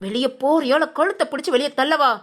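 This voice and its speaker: A woman's voice: high voice, quick pace, a bit bright. A woman playing a domineering mother-in-law who harshly scolds her daughter-in-law in a village family drama. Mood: scolding.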